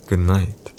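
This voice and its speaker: Mellow and menacing yet amused, this man voices a teasing, haughty villain emperor for ASMR audio, using lofty, old-fashioned, condescending diction. Slight background noise is audible.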